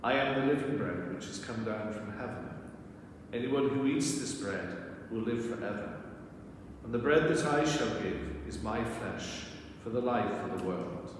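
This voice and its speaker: An older male priest speaks from a church lectern. His voice rings out in a cathedral echo with a long reverberant tail, over clear background noise. He delivers scripture and homily. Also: lowish voice, measured pace, distant mic. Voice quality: echoing, cathedral-like reverberant sound. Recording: echoey church hall, long reverb, noisy.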